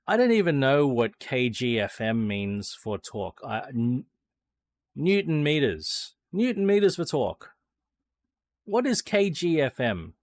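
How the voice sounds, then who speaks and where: Slow-talking Australian man streaming sim racing. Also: medium pitch, sing-song, no room sound. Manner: thinking aloud while tuning a car, chatting with viewers; swears casually. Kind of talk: casual live-stream commentary.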